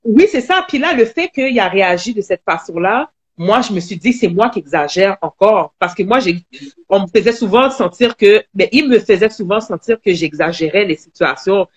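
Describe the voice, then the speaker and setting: A woman with a Quebec French accent, a guest telling her own story in an online live interview, halting with many restarts. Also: medium pitch, expressive, breathy edge.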